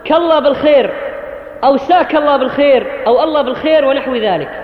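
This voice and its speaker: A man with a very high voice races through a Friday sermon, speaking earnestly and instructively to the congregation and addressing the brothers directly. The recording sounds tinny and phone-like, with the echo of a large hall.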